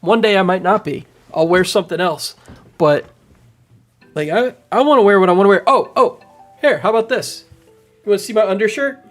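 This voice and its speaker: A man's voice: sits high, a little fast, long pauses, soft background music. Rambling man in his thirties streaming. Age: 30s. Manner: rambling, animated, filler-heavy. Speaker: livestreamer. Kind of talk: casual livestream commentary. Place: home room. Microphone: studio mic on boom arm.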